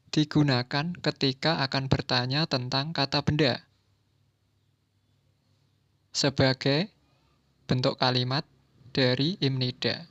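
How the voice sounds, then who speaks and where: A man slowly reading a textbook language lesson, saying each word and then its translation. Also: a little high, a bit bright, dry recording, muffled recording. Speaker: language teacher.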